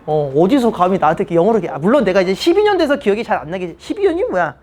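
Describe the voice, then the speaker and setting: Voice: medium pitch, sing-song, racing, darkish tone. A math teacher in their thirties giving a casual classroom lecture, blunt and teasing with the students.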